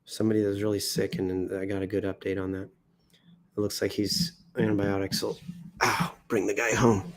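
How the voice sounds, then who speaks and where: The American livestream host works through news posts off the cuff, jokey and theatrical, diving into exaggerated emphasis and mocking himself along the way. He sounds sick and tiring, with occasional coughs, recorded indoors. His voice is lowish and brisk, with little pitch movement.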